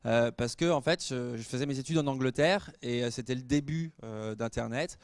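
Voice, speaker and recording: Man, 40s, guest speaker, storytelling talk, lively, lots of fillers, medium pitch. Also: normal speed.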